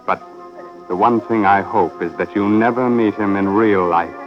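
An actor playing a courteous, sinister host of macabre radio tales, deliberate and theatrical. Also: male voice, fairly low pitch, close to an everyday voice. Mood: sly, mock-uneasy. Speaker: horror show host. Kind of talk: old radio horror host and narrator. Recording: dull old radio recording with music.

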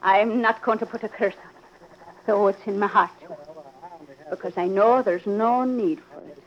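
A woman's voice: mid-range voice, fairly even intonation, a little slow, close to an everyday voice. A woman playing a bitter, grieving, accusing mother in melodramatic, vehement old radio drama style. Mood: cold menace. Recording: dull old radio recording.

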